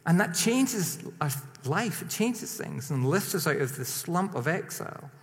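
A man preaching a sermon in a lively, emphatic way, rising to strong peaks and then dropping quiet. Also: fairly high pitch, a little slow. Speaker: pastor. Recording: long hall reverb.

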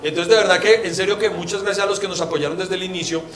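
Telling stories and playfully imitating his friend, this Colombian-accented podcast co-host speaks quickly in a high, fairly bright voice with fairly even intonation. The banter is casual and comedic, recorded in a roomy space with an audience laughing.

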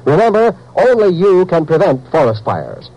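An American man delivers a formal 1950s radio announcement. His voice is fairly high and very lively in pitch, with earnest, emphatic phrasing. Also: normal speed, highs cut off. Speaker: public service announcer. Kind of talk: scripted 1950s radio public service message.

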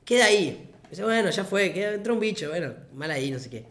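A man's voice: sits high, animated, fast talker, fairly bright tone. A man in his twenties with an Argentine Rioplatense accent, casually telling a funny anecdote full of slang and often laughing as he talks. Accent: Argentine Rioplatense Spanish. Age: 20s. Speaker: vlogger. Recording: roomy echoey room.

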